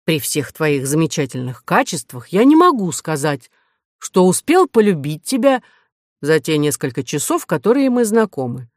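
Young male hero, read by a woman: polite, stubborn, measured, lowish and dry. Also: sing-song, dry recording. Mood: placating. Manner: measured, placating. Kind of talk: audiobook character voice.

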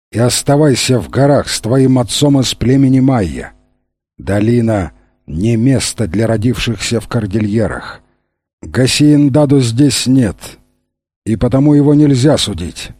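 A man narrates a blind bandit judge, gentle yet solemn, who weighs each word slowly in a husky, low-set voice. The sound is dry and close, with no room around it, as in a storybook read aloud. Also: no room sound. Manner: slow, soft and measured.

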